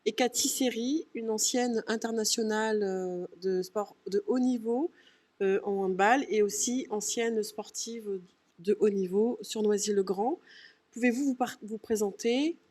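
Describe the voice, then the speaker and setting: A woman's voice: medium pitch, measured pace, a little mellow. A woman hosting a political discussion show, asking questions in a formal way. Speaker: host.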